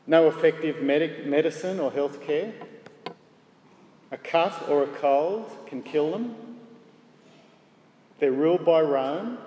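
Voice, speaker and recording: A man preaching a sermon in a measured way, asking the congregation rhetorical questions. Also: on the high side, darkish tone, slight background noise. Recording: echoey hall with faint ambience.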